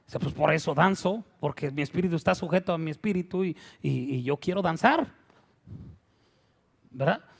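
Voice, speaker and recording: Man, pastor, joking sermon, high voice, gravelly. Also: moderate pace. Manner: humorous, acts out scenes.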